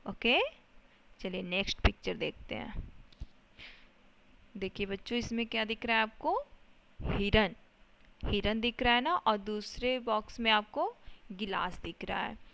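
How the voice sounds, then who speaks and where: A woman's voice: mid-range voice, unhurried, vocal fry, long pauses, a bit bright. A woman teaching a lesson to young children, explaining patiently step by step and often checking that they follow.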